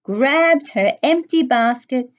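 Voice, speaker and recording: Slow, lively woman reading a children's story. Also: high-pitched, lo-fi sound. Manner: asks young listeners questions, sing-song.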